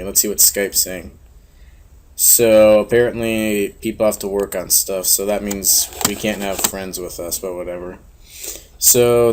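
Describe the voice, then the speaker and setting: Low monotone young man. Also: a little hiss or hum. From Florida, US. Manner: laid-back, swears casually, many fillers. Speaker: game commentator. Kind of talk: casual gameplay commentary.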